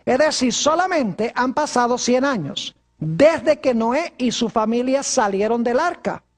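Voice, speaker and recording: A woman preacher leading a televised Bible study in a formal, measured manner, slowing down to stress scripture verses. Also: a little high, animated.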